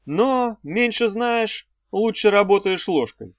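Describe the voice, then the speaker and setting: A man's voice: sits high, expressive, slow pace, dry recording, voice pushed up. A man voicing a stern, sardonic demon swordsman mentor who gives commands and mocks with dry threats, in a dry, slightly dull recording. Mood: mocking.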